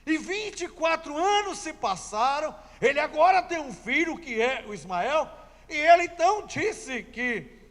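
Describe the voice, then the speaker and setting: A man's voice: very high voice, sing-song, unhurried, a bit bright, in a large hall. A man preaching a sermon, telling a scripture story emphatically and repeating key phrases.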